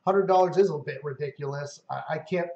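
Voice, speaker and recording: Man, high voice, chatty live-stream host, rambling with fillers, roomy dull audio. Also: brisk, a little mellow. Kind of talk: casual gaming chat.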